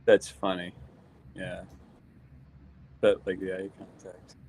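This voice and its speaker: A cartoonist co-hosting a casual livestream chat, easygoing and quick to agree. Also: male voice, low-pitched, completely flat delivery, creaky, a little mellow, slight background noise. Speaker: cartoonist and co-host.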